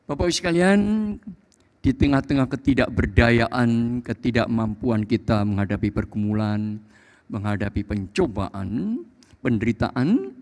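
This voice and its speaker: An older male pastor with an Indonesian accent preaching a sermon, swinging between soft low asides and loud, high emphasis. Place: large church hall. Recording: long church hall reverb.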